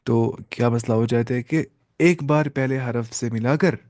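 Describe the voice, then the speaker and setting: A man's voice: medium pitch, unhurried, darkish tone, no echo, clean studio sound. A man teaching Quran reading in a class. He puts questions to the class, answers them himself, and repeats and stretches out sounds to demonstrate them. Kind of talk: classroom lesson.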